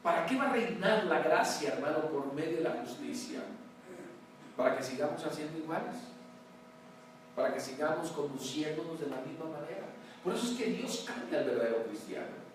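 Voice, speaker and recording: A man's voice: on the high side, expressive, moderate pace. Emphatic male pastor in an echoey hall. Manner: emphatic preaching, swings between loud and hushed; addresses congregation as "hermano", asks "¿verdad?". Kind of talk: sermon. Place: large church hall. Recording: very echoey church hall, mic far off, faint noise.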